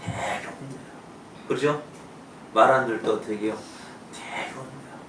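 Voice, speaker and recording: A male pastor preaching a sermon, who swings between loud pleading and soft asides. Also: mid-range voice, fairly even intonation, normal speed. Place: church sanctuary. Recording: echoey church room from a distance, faint noise.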